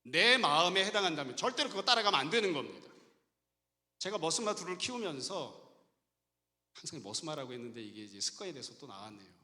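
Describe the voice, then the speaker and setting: Animated middle-aged male pastor preaching. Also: fairly high pitch, brisk. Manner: emphatic preaching with rhetorical questions. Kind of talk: sermon. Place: church sanctuary. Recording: reverberant church hall.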